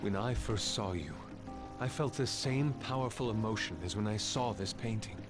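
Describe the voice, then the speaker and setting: A man's voice: on the low side, normal speed, lightly acted. A man playing a proud young art student in a video game, speaking formally and theatrically like an anime rival. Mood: earnest, formal. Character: proud young male art student, fiercely loyal to his teacher. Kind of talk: English video game voice acting. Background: game music.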